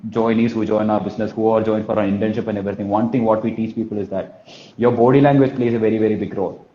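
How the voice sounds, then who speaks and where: A fast-talking man from Kerala with a fairly low pitch and fairly even intonation coaches like a telesales trainer in Malayali-accented Indian English. He repeats himself for emphasis and frequently tags on "right?" and "you know what I mean?" There's a little hiss or hum, plus a roomy echo and dull, muffled sound.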